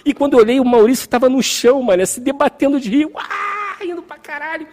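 A young man tells a story with a very high voice and a rapid pace. He acts out voices and sounds as he goes, under a long reverb. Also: darkish tone, slight background noise. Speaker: podcast storyteller. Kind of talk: casual storytelling chat.

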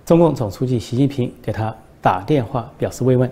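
A male commentator hosts his live-stream show and tells a joke in an animated storytelling way. His voice is mellow and somewhat husky. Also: medium pitch, fairly quick. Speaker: political commentator host.

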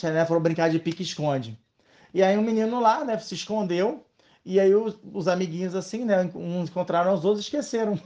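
A man with a Brazilian Portuguese accent teaching a casual weekly Torah lesson, telling stories in a lively, joking way. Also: a little high, lo-fi sound.

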